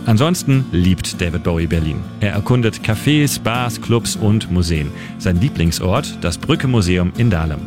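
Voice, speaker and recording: A man's voice: sits low, moderate pace, hardly any pauses. Man narrating over a music bed. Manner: steady, informative storytelling. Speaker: radio reporter and narrator. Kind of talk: scripted radio feature narration.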